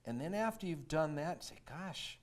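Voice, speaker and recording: A man's voice: on the low side, animated, fairly quick. A man co-hosting a radio talk show, explaining earnestly and acting out client conversations as he goes. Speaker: co-host.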